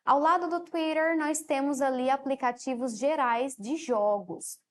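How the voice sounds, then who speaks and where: A woman with a Brazilian Portuguese accent teaches a televised lesson in a fairly high voice. She explains step by step and keeps checking in with her students through a quieter "ok?" at the end of her phrases. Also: measured pace. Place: studio.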